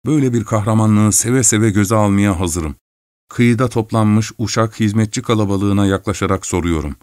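A man narrating a story in the first person at a steady, measured pace. His voice sits low. The recording is dry and close, with no room sound. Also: no room sound. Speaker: audiobook narrator.

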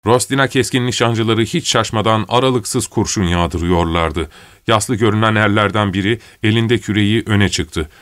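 A man reading a war story aloud as narrator, steady and measured. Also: lowish voice, dry recording, clean studio sound.

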